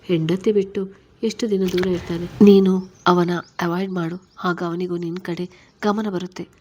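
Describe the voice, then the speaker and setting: A woman reading a story, voicing a caring middle-aged mother-in-law who gently reassures her daughter-in-law. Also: fairly low pitch, level tone, a little slow, slight background noise, close to an everyday voice. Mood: reassuring.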